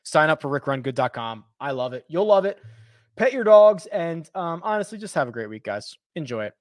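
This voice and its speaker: A man's voice: a little high, big pitch swings, fairly quick, no room sound, clean studio sound. Chatty man hosting a live stream. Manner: loose and chatty, many fillers and restarts. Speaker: livestream host answering viewer questions. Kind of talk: casual live-stream chat.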